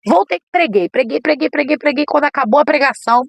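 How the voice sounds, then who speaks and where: A middle-aged woman, a podcast guest and missionary preacher, telling an emotional personal testimony with animated storytelling. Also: high-pitched, quick pace, gravelly, no echo. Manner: animated storytelling, acts out quoted voices.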